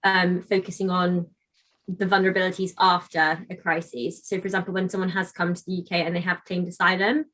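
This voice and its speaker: Flat-voiced thoughtful woman. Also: fairly low pitch, a little fast. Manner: thoughtful, restarts often. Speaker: panelist. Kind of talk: panel discussion.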